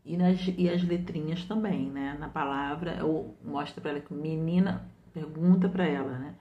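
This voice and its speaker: A woman's voice: sits low, moderate pace. A woman from Brazil, a literacy teacher, explains patiently and step by step, often repeating her points. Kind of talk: didactic explanation. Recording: roomy, muffled home recording.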